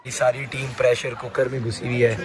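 A man's voice: mid-range voice, flat delivery, brisk. A young man showing a school sports event to camera, chatting and teasing his friends playfully. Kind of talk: casual vlog chat. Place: outdoor school sports ground. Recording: crowd and music behind. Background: crowd and music.

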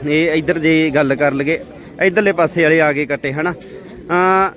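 A man with a Punjabi accent hosts a casual on-the-spot vlog at an outdoor livestock fair, chatting familiarly with farmers he interviews and commenting as he goes. His voice sits on the high side, a bit bright, unhurried, with fairly even intonation. Crowd and street noise fill the background.

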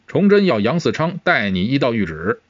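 A man narrating a comic-book story in a casual storytelling manner, with frequent drawn-out particles. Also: mid-range voice, sing-song, no room sound. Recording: dull, muffled sound.

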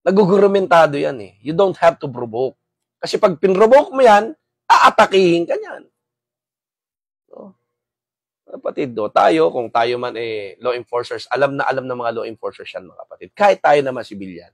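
A man's voice: fairly high pitch, sing-song, normal speed, creaky, no echo. Earnest man preaching to viewers. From Samar, Philippines. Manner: earnest and preachy, repeating tag questions and "brothers" to the audience. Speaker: host of a gun-owner talk show. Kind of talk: live-stream talk to viewers, reading comments.

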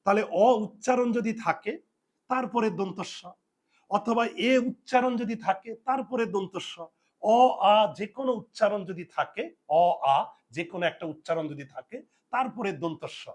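A man with a notably high voice teaches a spelling lesson. He says each rule over and over, poses a question, then gives the answer himself, like a drill in a classroom. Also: moderate pace. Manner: repeats and drills points, asks and answers own questions. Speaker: Bengali language teacher.

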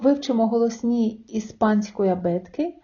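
A woman teaching a language lesson online, explaining patiently step by step and slowing down to sound out example words. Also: on the high side, warm tone, highs cut off.

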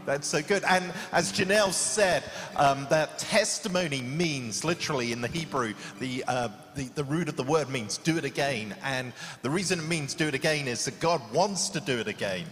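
A man's voice: a little high, animated, normal speed, few pauses, a bit bright, big-room sound. Man preaching with many fillers. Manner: conversational with frequent fillers. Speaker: pastor. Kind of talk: sermon.

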